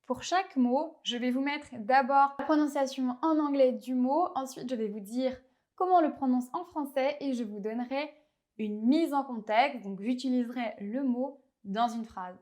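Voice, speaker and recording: A fairly high-voiced woman with a French accent gives a language lesson. She explains things clearly and patiently, and she slows her speech whenever she wants a pronunciation to stand out. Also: a little mellow. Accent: French of France. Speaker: French teacher.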